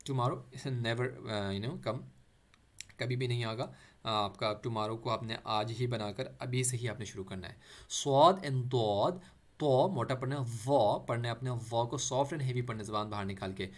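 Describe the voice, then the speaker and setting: A man teaches the Arabic letters for Quran reading at an unhurried pace. He repeats each letter patiently and stretches out recited phrases. His voice sits in an ordinary middle pitch and drops English words into his teaching. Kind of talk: letter-by-letter tajweed lesson.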